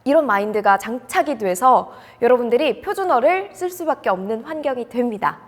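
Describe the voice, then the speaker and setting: A woman broadcaster with a fairly high voice speaks directly to camera, offering career advice to viewers in a polite, earnest manner. Her voice carries a long reverb tail.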